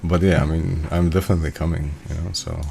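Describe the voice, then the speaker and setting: A man's voice: very deep voice, flat delivery, quick pace, vocal fry, dark tone, a little hiss or hum. A man in a casual online chat, joking and laughing a lot.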